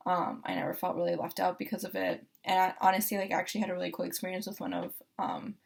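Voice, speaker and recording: A woman's voice: fairly low pitch, level tone, fast, vocal fry, breathy edge. A young woman from Costa Rica, a law student, talking casually about her experience with lots of fillers and restarts. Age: young adult. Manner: chatty, frequent fillers and restarts. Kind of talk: casual first-person testimonial.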